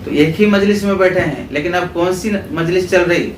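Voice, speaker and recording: A man teaching a class in a religious school with an Urdu accent, explaining terms and asking his students questions, then repeating their answers. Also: sits high. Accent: Pakistani Urdu. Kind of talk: classroom lecture with call-and-response questions. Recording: roomy echo, distant mic, clear background noise.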